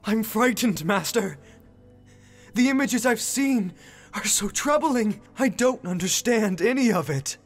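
Slow, pleading old prophet, played by a man. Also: sits high, lively intonation, exaggerated voice. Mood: awed, frightened. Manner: earnest, pleading. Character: devout, weary old prophet pleading with God. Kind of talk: projected stage drama acting. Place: theatre stage with cave set. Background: music.

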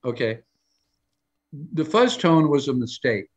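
A man's voice: medium pitch, big pitch swings, slow, lo-fi sound. Older man telling rambling studio stories. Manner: rambling anecdotal storytelling with many restarts; acts out quoted lines in a raised voice. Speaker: guest storyteller on a live show. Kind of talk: casual live interview chat.

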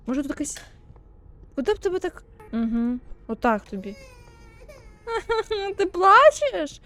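Sarcastic, foul-mouthed woman gamer. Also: fairly high pitch. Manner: sarcastic and swearing, mocking the game's baby. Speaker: gaming streamer. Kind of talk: let's play commentary.

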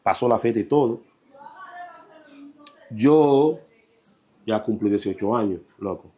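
A man's voice: on the low side, slow, warm tone. A young Dominican man telling his life story as a guest, rambling and slangy. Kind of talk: casual life-story interview.

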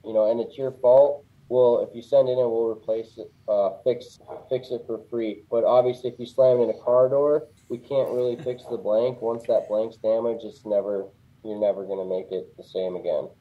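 A man speaks in a relaxed, plainspoken way, filling his talk with "you know". His voice comes through a thin, tinny, phone-like line from a remote call. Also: medium pitch, normal speed. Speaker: guest, custom fishing rod builder. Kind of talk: casual interview.

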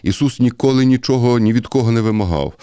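A man's voice: mid-range voice, lively intonation, quick pace, mellow, clean tone, dry recording, clean studio sound. A man with a Ukrainian accent giving a conversational sermon-style Bible commentary, speaking directly to his listeners and often hesitating. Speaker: priest.

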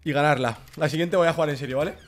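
A young man from Spain with a Spanish accent, live-streaming himself playing a game, excitable, swearing often and dropping English phrases into his commentary. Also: fairly high pitch, racing. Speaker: gaming streamer.

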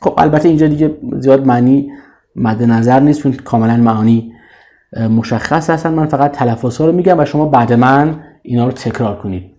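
A man with a Persian accent teaches English vocabulary in a dark, mellow voice at a middle pitch. He draws each model word out slowly and lets it sink low at the end before prompting his listeners to repeat after him. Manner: slow, drawn-out model words, often trailing off low.

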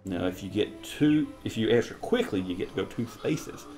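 A man's voice: on the low side, lively intonation, moderate pace, darkish tone, soft background music. A man chatting casually as co-host of a video game let's play. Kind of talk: casual gaming chat.

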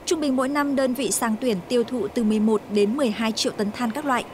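News voice-over: female, fairly high voice, smooth, even read, faint hiss behind. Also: quick pace. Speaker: news narrator.

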